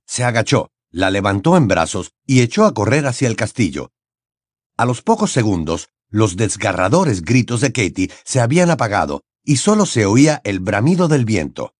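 Male audiobook narrator, expressive, wide pitch swings, dry close sound. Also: no room sound. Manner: expressive storytelling with wide intonation. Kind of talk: scripted narration.

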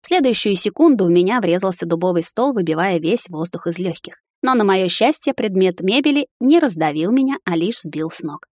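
A woman giving measured first-person storybook narration. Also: mid-range voice, expressive, a little mellow, dry recording, clean studio sound.

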